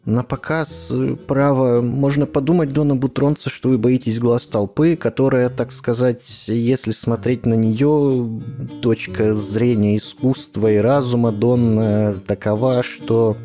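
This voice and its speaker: A man's voice: mid-range voice, steady tone, unhurried, dark tone, soft background music, natural voice. A man doing a polite, evasive novelist. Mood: courteous. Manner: smooth, courteous, rambling.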